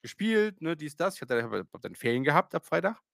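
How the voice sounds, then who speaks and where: A man's voice: a little high, sing-song, fairly quick, gravelly, fairly bright tone, no room sound, studio quality. A man in his thirties wryly retelling an anecdote in a casual chat, often laughing as he talks. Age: 30s.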